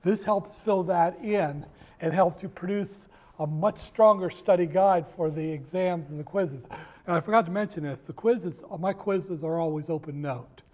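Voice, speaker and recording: Speaking at a normal speed, this finance lecturer has a high-pitched voice with a darkish tone. In his university classroom he wanders off on tangents, cracks jokes, addresses students directly, and keeps breaking off to restart sentences amid plenty of fillers.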